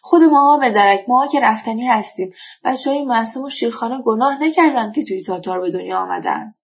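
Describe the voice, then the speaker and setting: Reading a story, a woman with a fairly high, gravelly voice takes on the part of a talkative, hospitable older village man who speaks emphatically and airs his grievances. The mood is indignant, and the recording is dull and lo-fi.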